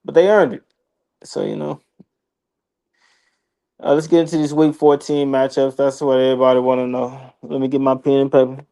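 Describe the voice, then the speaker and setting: A man's voice: medium pitch, little pitch movement, moderate pace, vocal fry, long pauses, warm tone, rough recording. A man co-hosting a live fantasy football stream, laid-back and joking, swearing freely and talking through his picks. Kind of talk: casual live-stream banter.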